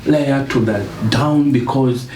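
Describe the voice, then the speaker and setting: A man's voice: medium pitch, slow. A man from Uganda, a guest in a motivational discussion, speaking earnestly and stacking up points for emphasis. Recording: echoey room, distant mic, faint noise.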